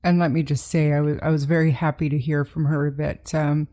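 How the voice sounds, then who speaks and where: Female podcast host, low warm voice, casual and hesitant. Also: little pitch movement, brisk. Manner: hesitant, many ums and restarts.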